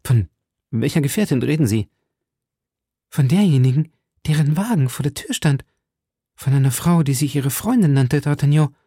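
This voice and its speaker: A man's voice: on the high side, animated, moderate pace, pauses often, mellow, husky, dry recording, clean studio sound, voice pushed up. A man voicing a frightened young woman who grows faint, with a breathless, pleading, lifted voice. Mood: anxious.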